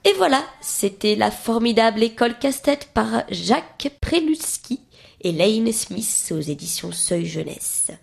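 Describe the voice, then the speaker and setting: A woman reading a children's book aloud in a lively, expressive way, with whispered asides. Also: on the high side, measured pace, creaky. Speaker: storyteller.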